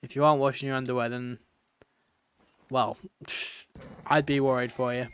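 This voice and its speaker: A man's voice: medium pitch, level tone, normal speed, clean tone. A tired man, chatting casually and rambling while live-streaming a video game, often laughing at his own jokes.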